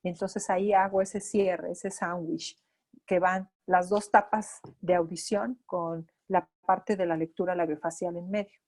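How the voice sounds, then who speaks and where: Terapeuta mexicana explicando una clase. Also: female voice, lowish voice, fairly even intonation, measured pace, a little mellow. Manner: explanatory, acts out examples of talking to children. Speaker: auditory-verbal therapist teaching residents. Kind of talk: lecture.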